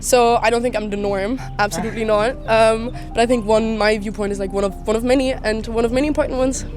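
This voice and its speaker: Quick-talking and high-voiced, a young Austrian traveller in her 20s gives easygoing street interview answers packed with "like" and "you know" fillers, with music clearly audible in the background.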